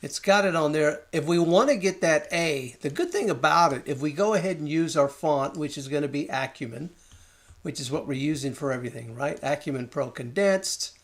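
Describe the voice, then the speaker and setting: Man, slightly high voice, gravelly, screen-recorded software tutorial, thinking aloud, keyboard clicks behind. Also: animated, moderate pace. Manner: thinking aloud, muttering at the software while working. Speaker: design instructor.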